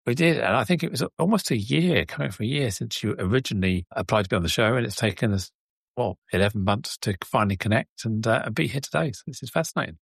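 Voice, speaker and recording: Male interview host with a low, gravelly voice, gracious and chatty, recorded dry and close. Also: fast talker, no echo. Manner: gracious, chatty, thinks aloud. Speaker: podcast host. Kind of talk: conversational interview hosting.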